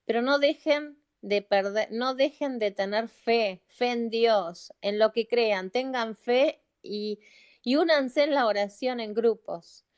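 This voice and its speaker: A woman's voice: fairly high pitch, slow, smooth. A middle-aged woman with an Argentine Spanish accent, a psychologist making a heartfelt, pleading appeal to listeners on a live audio chat, repeating phrases for emphasis. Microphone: phone or computer mic in a live audio room.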